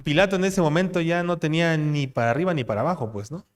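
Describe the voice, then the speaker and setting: A man teaches from the pulpit, his voice pitched somewhat high and carried by the long reverb of a large hall. He keeps checking in with listeners through rhetorical questions. When he reads the verses he slows and grows louder. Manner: asks rhetorical questions, tags lines with "¿no?"; reads scripture aloud slower and louder. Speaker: pastor. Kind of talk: expository sermon.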